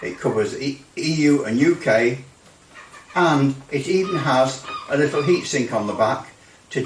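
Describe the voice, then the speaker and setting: Recorded on a distant mic with a roomy echo and a slight hiss or hum, a man reviews a product hands-on as a hobbyist. His medium-pitched talk is casual and rambling, full of hesitations and repeated phrases for emphasis.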